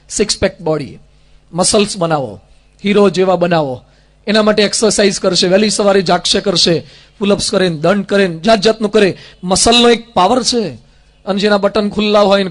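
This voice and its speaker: A middle-aged Gujarati monk preaches with a high voice. He tells stories and acts out the dialogue between their characters. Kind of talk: sermon.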